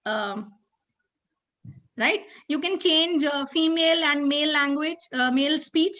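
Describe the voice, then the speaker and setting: An Indian woman runs a teacher-training demo over a video call, walking her listeners through each step and pausing to check they follow. Her voice sits high and sounds bright and sharp. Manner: explains patiently step by step, checks in often.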